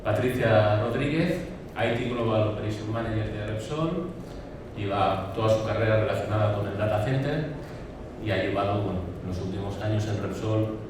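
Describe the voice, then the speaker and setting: A man with an accent from Spain moderating a panel, introducing speakers and asking questions, hesitating as he searches for words. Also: fairly low pitch. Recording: very echoey hall, distant, noisy.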